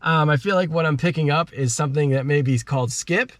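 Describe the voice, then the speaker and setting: The host of a car DIY channel, a man with a fairly high pitch and fairly quick delivery, walks through a casual how-to vlog full of slang. There's slight background noise as he explains things informally.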